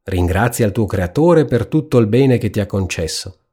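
A man's voice: fairly low pitch, lively intonation, moderate pace, mellow, slightly rough. A man reading a storybook aloud, voicing a fussy, self-important hen who lectures in an ironic, preachy way. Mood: scolding.

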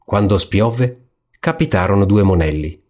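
A man reading a fairy tale aloud in a calm, measured storytelling manner. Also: lowish voice. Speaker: narrator.

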